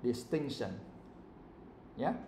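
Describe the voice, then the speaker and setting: Thầy giáo giọng việt dạy tiếng anh trên lớp, hỏi bài học sinh liên tục, phòng vang vang hơi ồn. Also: male voice, medium pitch, animated, slow pace, dark tone. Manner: quizzing students, switching between English and Vietnamese. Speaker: English teacher. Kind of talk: live classroom lesson. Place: classroom. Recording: echoey room with faint background noise.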